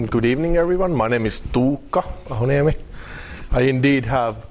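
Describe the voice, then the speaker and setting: A man with a Finnish accent presents a technical talk to a user group. He jokes dryly and often stops to restart his sentences, in a voice of ordinary pitch. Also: darkish tone, a little hiss or hum. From Finland. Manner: wry, halting, many fillers and restarts. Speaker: conference speaker.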